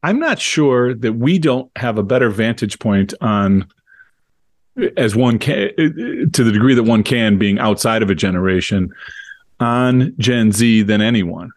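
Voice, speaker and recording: Measured lowish-voiced male academic, dry close recording. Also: expressive, no room sound. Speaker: podcast co-host, college professor in New York. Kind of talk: casual academic discussion.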